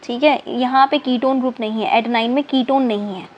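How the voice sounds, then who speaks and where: A woman with a fairly high voice teaches a chemistry lesson, patiently counting atoms and spelling terms one letter at a time. She repeats key words several times and keeps checking her students are following. A faint hiss sits under the recording. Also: fairly even intonation, a little fast, lo-fi sound. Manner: mixes in English terms and checks in with "thik hai na". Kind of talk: online class lecture. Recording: faint background noise.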